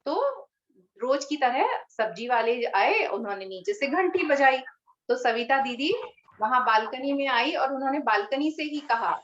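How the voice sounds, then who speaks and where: A woman's voice: sits high, expressive, unhurried, a bit bright, slight background noise. A yoga teacher telling a story on a video call while her voice breaks up and stutters over a laggy connection. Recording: lo-fi, echoey online call audio.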